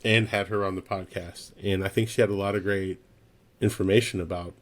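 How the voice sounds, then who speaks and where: Low-voiced guy on a podcast, chatty, laughs a lot, loose storytelling. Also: fairly even intonation, fairly quick. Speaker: podcast guest. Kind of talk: casual chat.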